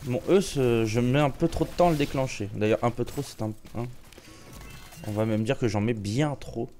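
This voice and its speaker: A man giving casual live commentary on his own gameplay, joking and chatty, with a slightly sore throat that makes him clear it now and then. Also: medium pitch, normal speed, a little mellow, soft background music. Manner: joking, chatty, many restarts and fillers. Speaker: game streamer.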